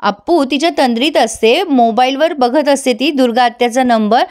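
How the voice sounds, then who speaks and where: High-voiced woman retelling a TV episode. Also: darkish tone. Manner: brisk storytelling, voicing each character. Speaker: TV serial reviewer.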